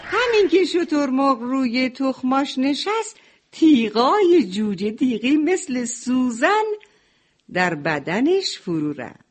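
A woman narrating a children's story in the role of a grandmother, expressive and tender. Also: high voice.

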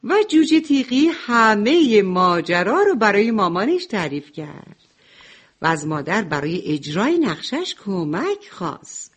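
Expressive woman telling a children's story. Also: medium pitch, husky. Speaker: storyteller as grandmother.

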